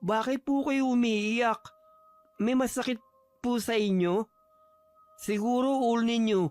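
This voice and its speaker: A man voicing a gentle, devoted son who speaks softly and politely to his sick mother. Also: very high voice, steady tone, a little slow, clean tone. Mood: tender. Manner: soft, polite, tender. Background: faint music.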